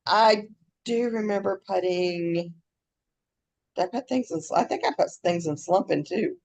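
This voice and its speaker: A podcast co-host with a fairly low, darkish voice speaks unhurriedly as she chats and reads the news in a casual, scattered way, drifting off topic easily. Her R's sound like W's.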